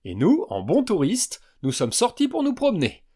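A man's voice: on the low side, fairly even intonation, a little fast, close to an everyday voice. A man voicing a strong, teasing young girl. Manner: teasing, sarcastic.

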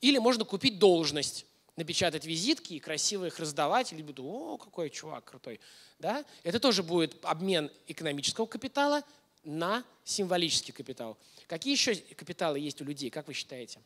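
A man probably in his thirties gives a masterclass on stage in an indoor hall, standing before a projection screen. His fairly high voice is sing-song, fast and a bit bright, and he lectures informally, frequently asking his listeners questions.

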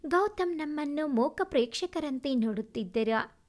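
A woman narrating a family love story in a steady, expressive storytelling manner. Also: sits high, normal speed. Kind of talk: scripted narration.

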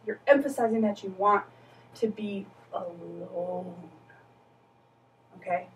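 A woman's voice: mid-range voice, steady tone, takes it slowly, a little hiss or hum. Encouraging woman voice teacher, distant mic. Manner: encouraging, precise corrections. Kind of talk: voice lesson coaching.

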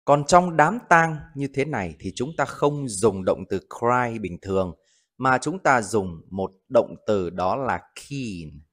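Guy teaching english words, slow and careful, bouncy up-and-down voice. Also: medium pitch, lively intonation, a bit bright. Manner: slow, deliberate delivery, repeating example sentences for learners. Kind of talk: vocabulary lesson narration.

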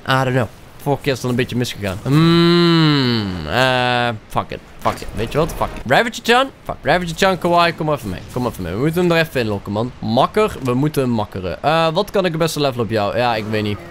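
A young man with a Dutch accent, commentating his own gameplay, excitable, swearing and dropping English slang into his talk. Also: mid-range voice, a little fast, faint music behind. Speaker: gaming YouTuber.

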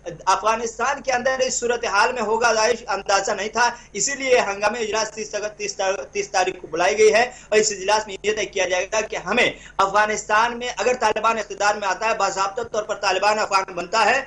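A young man giving live news analysis over a remote link as a correspondent, halting and repeating words. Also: sits high, steady tone, sharp tone.

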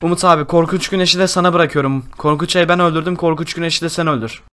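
A young man hosting a Minecraft role-play, talking in an excitable, exclamatory way. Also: fairly high pitch, fast, clean tone. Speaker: gaming YouTuber host.

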